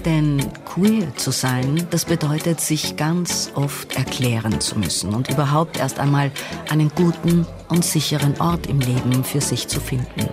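A woman reporter reading a scripted news feature narration in a composed, even way. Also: low-pitched, measured pace, music in the background. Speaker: radio reporter.

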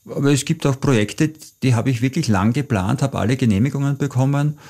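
Gravelly middle-aged man. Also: medium pitch, brisk, a little mellow. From Austria. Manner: thoughtful, anecdotal, frequent "äh" fillers. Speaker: travel author, interview guest. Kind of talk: reflective storytelling.

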